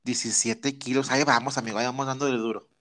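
A man's voice: medium pitch, level tone, quick pace, bright, forceful tone. A man with a Mexican accent hosting a podcast interview, campy, teasing and flirtatious in casual chat. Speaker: podcast host.

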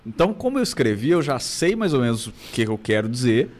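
A young man, a stand-up comedian chatting in a quick, animated, self-deprecating way. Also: medium pitch. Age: young adult. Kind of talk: casual chat.

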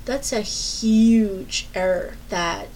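A woman's voice: medium pitch, very slow, a little mellow, slight background noise, poor audio. A woman casually telling a personal story and giving earnest advice, speaking candidly, swearing freely, and often restarting her sentences. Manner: earnest and urging. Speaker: advice giver.

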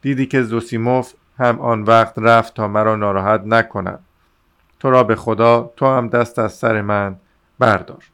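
A man's voice: fairly low pitch, fairly even intonation, fairly bright tone, smooth. A man reading the lines of a bitter, agitated young man who begs his friends to leave him alone. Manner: bitter, breathless pleading.

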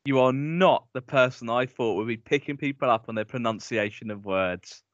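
A man's voice: mid-range voice, normal speed, dry recording. A man with an Essex accent co-hosting a podcast, telling amused stories in casual banter. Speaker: podcast co-host. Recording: dull dry lo-fi podcast audio.

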